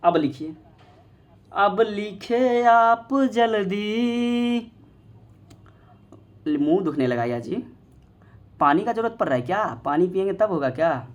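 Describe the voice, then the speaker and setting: A man's voice: on the high side, expressive, brisk. A male math teacher, giving a playful classroom lesson and teasing his students while repeating steps.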